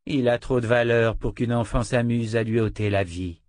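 A man's voice: mid-range voice, steady tone, normal speed, a little mellow, dry recording, studio quality, natural voice. A man doing a cold, commanding woman captor. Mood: firm.

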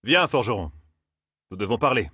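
A man's voice: on the low side, big pitch swings, normal speed, sharp tone, husky, no room sound, studio quality, heavily acted. A man voicing a stern, grim warrior who speaks curtly and scornfully. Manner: curt, scornful.

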